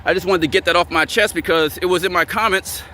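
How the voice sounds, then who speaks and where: A man's voice: sits high, steady tone, quick pace, pushed and bright, a little hiss or hum. A man giving a blunt, confrontational motivational rant as a vlogger, hammering the same points over and over in a preachy way.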